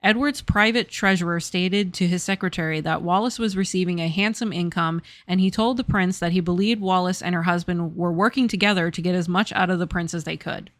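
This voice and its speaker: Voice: mid-range voice, fairly quick, hardly any pauses, fairly bright tone, dry recording. History podcast host, dry close sound. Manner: reads facts evenly, breaks into laughter. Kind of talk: casual history podcast narration.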